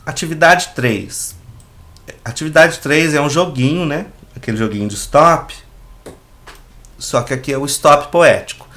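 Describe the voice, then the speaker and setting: Man, Brazilian Portuguese accent, teacher, unhurried delivery, patient explaining, frequent check-ins. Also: a little high, fairly bright tone. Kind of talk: explaining a school worksheet.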